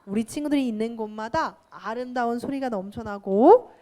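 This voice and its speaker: A woman teaching a children's Sunday school sermon, animated and sing-song, often asking the children questions. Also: a little high, normal speed.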